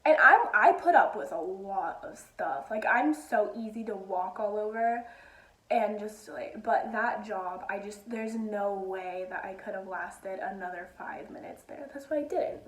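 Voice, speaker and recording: A woman's voice: mid-range voice, measured pace. A young adult woman vlogger telling a story in a casual, chatty way, laughing at herself often. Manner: giggly, self-deprecating, chatty. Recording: echoey room.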